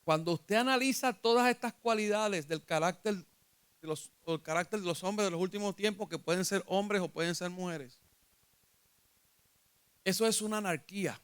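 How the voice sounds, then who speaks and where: Bright-voiced Puerto Rican man preaching. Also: high voice, clear, resonant tone. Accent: Puerto Rican Spanish. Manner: preaching, rising and loud when retelling scripture; asks the congregation questions. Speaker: pastor. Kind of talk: sermon.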